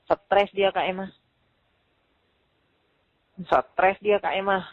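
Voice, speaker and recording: A woman's voice: medium pitch, fairly even intonation, takes it slowly, no room sound. A woman venting on a phone call in an agitated way, quoting herself and others. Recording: tinny phone-line recording.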